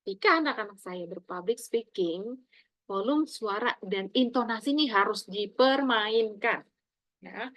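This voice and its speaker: A middle-aged woman lecturing her students, speaking in an animated, emphatic way and addressing them fondly as her children. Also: unhurried, no echo, low-quality recording. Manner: animated, addresses listeners as "Nak", emphatic swings in pitch and loudness.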